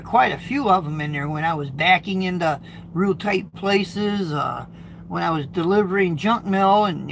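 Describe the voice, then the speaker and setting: Poor audio with a faint hiss or hum captures a middle-aged American man, a truck driver and video host, talking casually to viewers from his truck. His high, gravelly voice sounds a bit bright as he reads comments, rambling, repeating words and restarting sentences.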